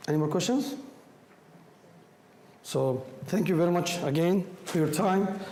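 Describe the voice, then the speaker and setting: A man with a hoarse, worn-out voice from a cold, speaking non-native English haltingly as he takes questions in a public talk. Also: high-pitched, darkish tone. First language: not English. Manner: halting, repeats words and phrases. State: hoarse from a cold, voice nearly gone. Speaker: speaker from an astronomy group taking audience questions. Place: indoor room with audience. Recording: echoey room, some background noise.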